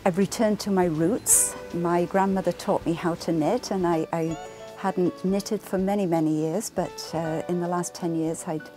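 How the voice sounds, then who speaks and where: A woman in her sixties with an English accent, a fibre artist speaking reflectively in a documentary interview, pausing often with ums. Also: lowish voice, steady tone. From England. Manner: reflective, soft-spoken, many ums and uhs. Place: home craft room. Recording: soft music underneath.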